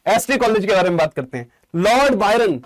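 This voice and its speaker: A man's voice: high-pitched, lively intonation, a little fast, dry recording. A young man with an Indian accent teaching English literature in a chatty, informal exam-prep lecture. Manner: chatty, informal, jokes with students.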